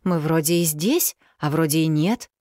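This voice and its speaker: A woman voicing a young bride who babbles flippant nonsense in a higher, lively voice. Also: normal speed, dry recording, clean studio sound, lightly acted.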